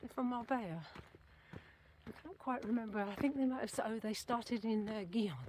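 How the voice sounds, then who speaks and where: A woman's voice: on the high side, moderate pace, darkish tone, slight background noise. Chatty British woman vlogging on a trail. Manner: chatty, rambling, self-correcting. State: a bit out of breath. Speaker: walking vlogger. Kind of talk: casual vlog narration while walking. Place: outdoors on a walking trail. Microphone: handheld camera.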